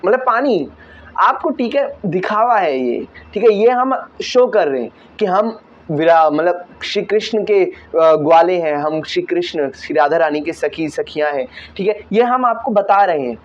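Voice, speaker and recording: A teenage boy talks earnestly through viewer questions in a high voice. He keeps checking in with listeners as he goes. The recording is dull and lo-fi. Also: animated, measured pace. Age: teens. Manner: earnest, repeats "theek hai" often. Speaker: vlogger answering viewer questions. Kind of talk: casual Q&A talk.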